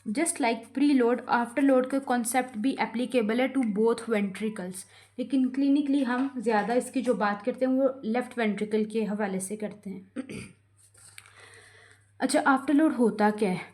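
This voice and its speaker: Female medical lecturer, fairly high voice, explanatory, checks in often. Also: darkish tone. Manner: explanatory, frequent "theek hai" check-ins, slows for English terms. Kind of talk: explaining lecture, Hindi-English code-switching.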